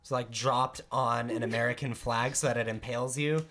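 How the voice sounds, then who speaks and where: Deadpan woman with a very deep voice. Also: moderate pace. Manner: dry, deadpan teasing questions. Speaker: podcast co-host. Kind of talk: casual chat.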